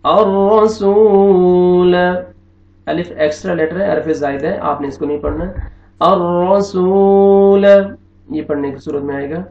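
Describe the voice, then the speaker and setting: A man with an Urdu accent teaches Quran reading, his voice slightly high and gravelly as he explains patiently and repeats each word slowly. The sound is dull and lo-fi, with echo from the room. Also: little pitch movement. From Pakistan. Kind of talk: online recitation lesson.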